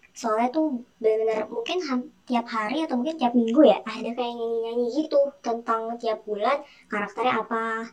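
A woman's voice: a little high, a little mellow. A young woman in her twenties, a former student, giving a casual recorded testimonial through a voice changer, chatty and slangy. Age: 20s. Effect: voice changer disguising the voice.

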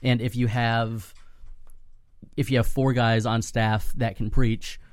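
A man's voice: mid-range voice, level tone, slow, no room sound, studio quality. A man co-hosting a podcast in casual chat, with a joking, teasing manner. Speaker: podcast co-host and pastor.

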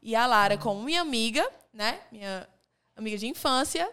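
A young woman tells a long personal story to her friends on a podcast. Her voice sits slightly high and stays smooth and clear. She slips into little performances of what people said. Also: fairly quick. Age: young adult. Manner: animated storyteller, acts out quoted dialogue. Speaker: podcast co-host. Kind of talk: casual chat among friends.

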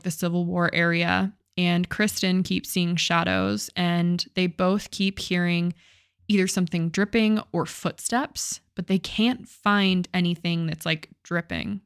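Casting: young woman, lowish voice, loose chatty podcast host, swears, dry booth sound. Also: fairly even intonation, a little slow, smooth, no echo. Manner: casual, swears, many "like" fillers. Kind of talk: casual storytelling chat.

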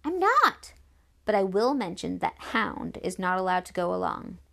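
A woman voicing a kindly father of several daughters in an audiobook, speaking calmly and evenly. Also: on the low side, moderate pace, gravelly. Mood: patient. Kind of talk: audiobook character reading.

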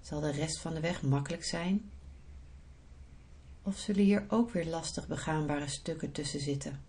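A woman podcast host guiding a relaxation visualisation in a soft, soothing, unhurried manner. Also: low-pitched. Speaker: podcast host, breathing therapist and yoga teacher.

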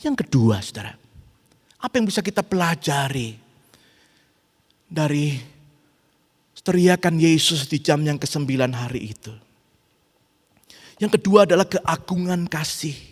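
A middle-aged man preaching a sermon as pastor, swinging between loud urgent rhetorical questions and quiet, intimate reflection. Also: a little high, lively intonation, moderate pace, long pauses. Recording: long hall reverb.

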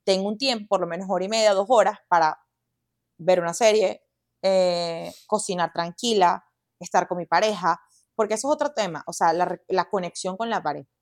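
A woman's voice: fairly low pitch, brisk, no echo, studio quality. A young adult woman with a Venezuelan accent, a podcast guest chatting casually and animatedly, slipping into quoted inner voices. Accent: Venezuelan Spanish.

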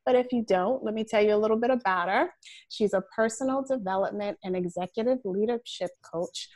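A woman with a medium-pitched voice hosts a casual online interview, taking her time over each phrase. She chats freely and stretches out the words she wants to emphasize.

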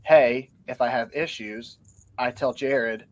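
A man speaks at a slow pace in a mid-range voice with fairly even intonation. He's a podcast guest explaining his view in a casual discussion, earnest and a little out of breath, reading from show notes as he goes.

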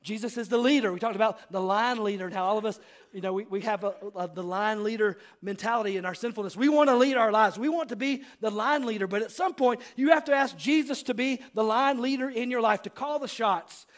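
A male pastor giving an earnest sermon, rising to loud appeals and dropping to hushed asides. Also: high voice, fairly quick.

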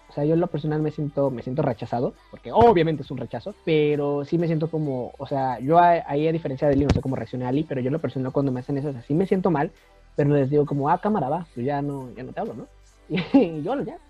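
Animated man, casual chat. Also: rapid-fire, husky. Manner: animated, mimics others in high voices. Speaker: podcast co-host. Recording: slightly dull lo-fi sound, faint music.

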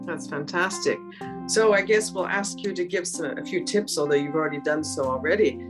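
A woman's voice: low-pitched, a little fast, music in the background. A woman hosting an interview, asking questions in an encouraging, affirming way. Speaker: interview host.

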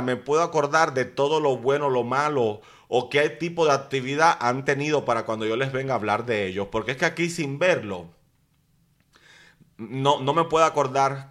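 A podcast host with a mid-range, slightly bright voice gossips about a reality show in a chatty, dramatic style full of slang. It's casual gossip commentary.

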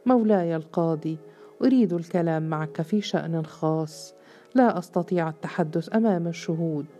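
A bold, earnest young woman pleading her case before a judge, as a woman narrator voices her. The voice sits low and mellow, with faint music underneath. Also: brisk, lightly acted.

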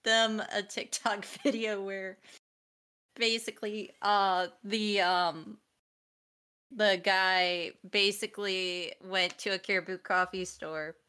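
A woman talks slowly in a bright, forward voice during a casual podcast chat. She laughs as she tells her story and stops often on fillers. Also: mid-range voice, little pitch movement, clean tone. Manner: laughs while telling, halting fillers.

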